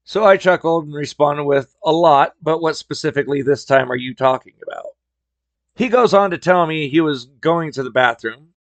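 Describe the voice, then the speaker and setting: A man in his thirties tells workplace stories in a wry, easygoing way. His voice is gravelly and a little strained from overuse. It sits at an ordinary pitch and sounds dry and close, with no room sound. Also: no echo. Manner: wry, conversational, acts out customer dialogue. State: voice strained from talking a lot. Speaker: podcast host telling retail stories. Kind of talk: casual storytelling monologue.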